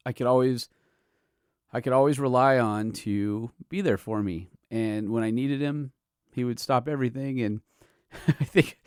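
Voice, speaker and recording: A middle-aged man and podcast host, from Southern California, sharing fond, halting memories in a personal tribute, with soft laughs between thoughts. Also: mid-range voice, clean tone, no echo, studio quality. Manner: halting, tender, fond laughs while reminiscing. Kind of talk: personal tribute, emotional storytelling.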